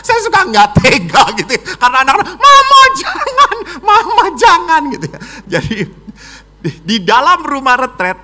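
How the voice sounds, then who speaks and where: Animated high-voiced preacher man. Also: a little fast. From Indonesia. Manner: animated preaching with acted-out voices and colloquial asides. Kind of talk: lively sermon at a revival gathering.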